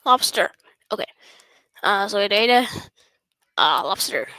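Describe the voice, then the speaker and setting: Bright-voiced woman muttering through a game. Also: a little high, sing-song, measured pace, creaky, dry recording. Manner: chatty, talks to herself, drops into whispers; jokey, self-interrupting. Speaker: streamer. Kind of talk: casual gameplay commentary.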